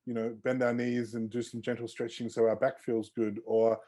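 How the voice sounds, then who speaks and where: An osteopath, appearing as a guest in a casual interview chat, talks in a mellow, relaxed, mid-range voice at normal speed. He rambles amiably, circling back on himself with lots of fillers and restarts.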